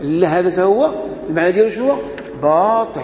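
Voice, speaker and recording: A man's voice: high-pitched, lively intonation, fast talker, darkish tone. A man with a Moroccan accent giving an emphatic religious lesson, posing rhetorical questions and answering them himself. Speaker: religious teacher. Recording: echoey hall, faint background noise.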